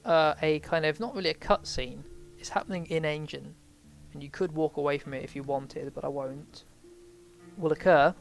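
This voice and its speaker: A man's voice: on the high side, moderate pace, creaky, faint music behind. A man giving casual let's play commentary, rambling and thinking aloud as he plays a game. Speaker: game streamer.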